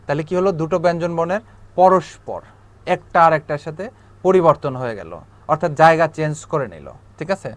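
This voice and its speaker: A man with a Bangladeshi Bengali accent teaches an exam-prep grammar lesson in a somewhat high voice. He repeats each example and checks in with the class after every point. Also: animated, a little fast, no room sound. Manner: drills examples, asks "ঠিক আছে?" after each point. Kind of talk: recorded grammar lecture.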